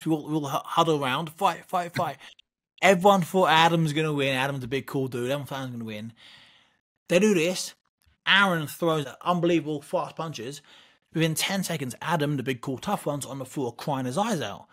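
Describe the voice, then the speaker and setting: A middle-aged man, a guest on an interview, telling lively anecdotes from his youth in a casual way. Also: on the high side, a little fast. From United Kingdom. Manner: vivid, animated anecdote-telling with laughs. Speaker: guest, former Olympic boxer.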